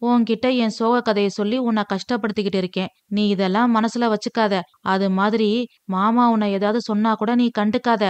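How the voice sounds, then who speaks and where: A woman's voice: medium pitch, steady tone, moderate pace, clean tone, dry recording. A woman with a Tamil accent reading a family novel aloud, speaking every character's lines with little change of voice. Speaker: audiobook narrator. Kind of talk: novel read aloud, voicing all characters.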